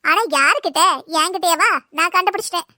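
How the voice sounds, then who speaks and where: Woman voicing a bossy sister-in-law, cartoon; very high, bright, quick, preachy scolding. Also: no room sound, clean studio sound. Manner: lecturing, sharp-tongued, preachy. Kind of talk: cartoon voice acting.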